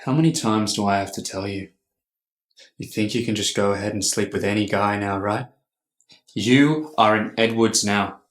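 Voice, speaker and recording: An actor playing a cold, domineering young husband in a melodrama, speaking in curt commands. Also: male voice, on the low side, normal speed, reverberant, natural voice. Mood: angry, accusing. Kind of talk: melodramatic screen drama acting.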